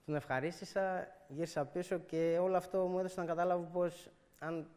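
A man's voice: sits high, steady tone, darkish tone, slight background noise. A young man from a church congregation, earnestly telling a personal testimony and retelling conversations step by step. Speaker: church member giving testimony. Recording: long hall reverb.

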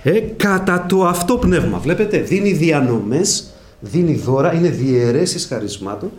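A man preaching a sermon, dictating points for listeners to write down and repeating key phrases with strong emphasis. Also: a little high. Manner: addresses brothers, lively rises and drops. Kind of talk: sermon teaching. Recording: echoey room with faint ambience.

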